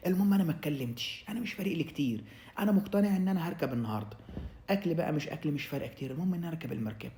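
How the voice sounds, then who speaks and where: Fast-talking Egyptian man, echoey room. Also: a little high, a little hiss or hum. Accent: Egyptian Arabic. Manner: animated storyteller, acts out quotes, addresses listener as "ya m'allem". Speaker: vlogger telling his own migration story. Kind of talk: casual storytelling to camera.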